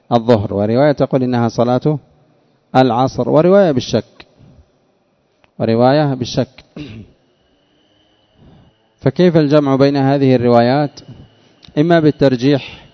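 A man giving a religious lesson. He reads a passage aloud, then explains it in a measured way, asking questions and answering them himself. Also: mid-range voice, dull audio. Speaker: religious teacher. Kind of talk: reading a text aloud and explaining it.

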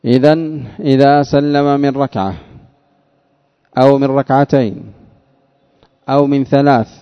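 A man giving a religious lesson. He reads a passage aloud, then explains it in a measured way, asking questions and answering them himself. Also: mid-range voice, fairly even intonation, clear, resonant tone, highs cut off. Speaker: religious teacher. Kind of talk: reading a text aloud and explaining it.

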